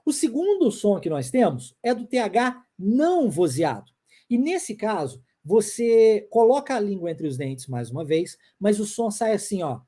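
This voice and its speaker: A Brazilian woman teaching a live online lesson, her voice dark and a little husky. Her pitch rises and falls a lot. She repeats each example and keeps checking that her viewers follow. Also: big pitch swings, unhurried. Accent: Brazilian Portuguese. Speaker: English teacher.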